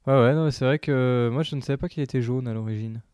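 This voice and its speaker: Young radio host guy, smooth clear voice, dry close mic. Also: mid-range voice, fast, no room sound. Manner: relaxed, affirming. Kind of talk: casual radio chat.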